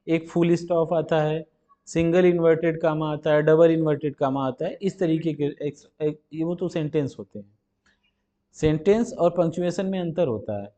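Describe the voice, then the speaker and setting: A male teacher going through multiple-choice questions, reading the English slowly and explaining it in Hindi with rhetorical questions. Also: on the high side, darkish tone, lo-fi sound. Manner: asks rhetorical questions and answers them. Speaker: ITI teacher.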